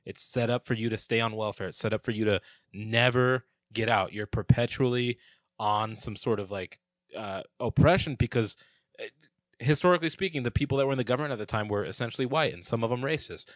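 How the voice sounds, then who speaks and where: A man's voice: mid-range voice, fairly quick, dry recording. A man in casual chat, talking earnestly and thoughtfully, explaining his views.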